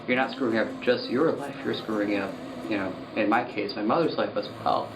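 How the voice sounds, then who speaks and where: A man's voice: lowish voice, a little fast, music in the background, low-quality recording. A man speaking earnestly and plainly in an interview.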